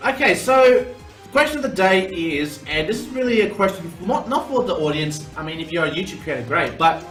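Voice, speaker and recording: A man with a slightly high voice gives casual let's play commentary. He is informal, sweary and quick to exclaim. He sounds roomy and off the mic, with game music underneath. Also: lively intonation, fairly bright tone, far from the mic. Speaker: gaming YouTuber.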